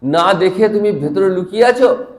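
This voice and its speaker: A man voicing a gentle, commanding holy lord who speaks calmly and reassuringly within a devotional story. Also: sits high, moderate pace, reverberant, pitched above the performer's own voice.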